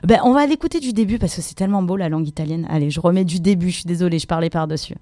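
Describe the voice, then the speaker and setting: A woman's voice: on the low side, very fast, mellow, dry recording. A woman hosting a radio music show, chatting casually between tracks with frequent hesitations. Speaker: radio host.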